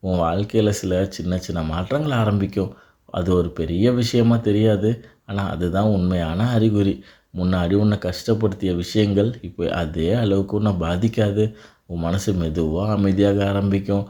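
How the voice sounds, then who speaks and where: A man delivering a devotional blessing in a calm, reassuring voice, speaking directly to the listener. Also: deep voice, moderate pace. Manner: calm, reassuring second-person address. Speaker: devotional narrator.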